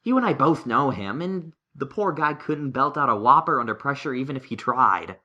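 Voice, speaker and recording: In a fan-fiction audio story, a man voices a studious young unicorn stallion who comes across as earnest, analytical and insistent. The voice is bright and sharp, swinging through pitch in a very animated, emphatic way at a moderate pace, and the recording sounds lo-fi.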